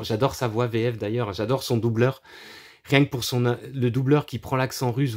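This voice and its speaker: Foul-mouthed man mocking cheap films. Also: medium pitch. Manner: crude, profane and mocking; laughs often, animated asides. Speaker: film collector reviewing his DVDs. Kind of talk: casual chat.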